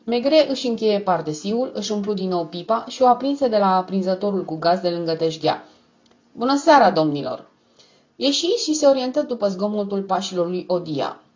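A woman narrating a novel as an audiobook in a steady, measured read. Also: mid-range voice, highs cut off. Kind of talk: scripted narration.

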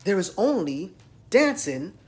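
This dance vlogger, an American man in his thirties, takes his time as he rants into an arm's-length phone camera in a small room. His high-pitched voice swings widely as he lectures emphatically and addresses viewers directly.

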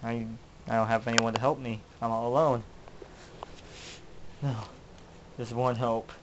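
A man's voice: medium pitch, flat delivery, measured pace, lo-fi sound, background noise. A man hosting his own channel, acting out a melodramatic mock-detective comedy skit in which he questions his toys. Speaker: channel host.

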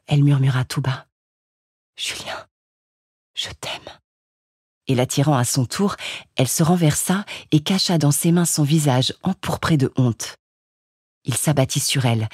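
A woman reading a classic novel aloud as an audiobook narrator, in a measured, expressive way. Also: sits low, breathy edge, no room sound, studio quality. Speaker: audiobook reader.

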